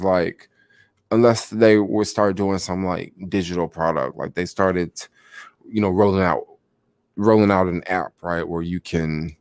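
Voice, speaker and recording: A man's voice: low voice, darkish tone, no room sound, studio quality. A young man chatting casually about stocks on a livestream, rambling with lots of fillers and answering viewers, sounding sleepy. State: sleepy, yawning. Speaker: stock vlogger.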